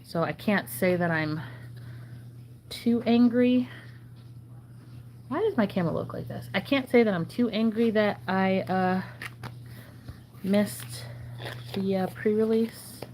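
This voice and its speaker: A woman chatting casually and haltingly as a channel host, her throat sore and swollen-sounding, often needing clearing. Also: mid-range voice, darkish tone, poor audio. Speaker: trading card channel host. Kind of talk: casual chat while sorting cards. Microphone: phone camera. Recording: noticeable background noise.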